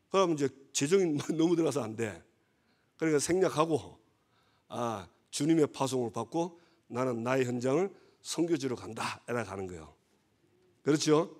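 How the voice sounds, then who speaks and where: Casting a male pastor: husky, slightly high voice, chatty sermon delivery that keeps asking for agreement. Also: expressive, moderate pace, long pauses, a little mellow. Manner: conversational, asks the congregation for agreement.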